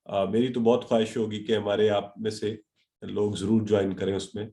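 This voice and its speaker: A man's voice: on the low side, little pitch movement, warm tone. A middle-aged man teaching a grammar lesson over a video call, encouraging and dropping English words into his talk. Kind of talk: online class lecture.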